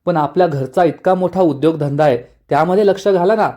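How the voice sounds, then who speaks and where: A woman's voice: fairly low pitch, a little fast, warm tone, close to an everyday voice. A man voicing a young village wife, hurt but determined, who speaks earnestly and pleadingly. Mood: persuasive.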